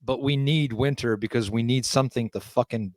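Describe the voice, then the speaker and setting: A man's voice: medium pitch, brisk, no echo. A man from Canada, a guest on a casual streamed chat, joking around, laughing and swearing freely.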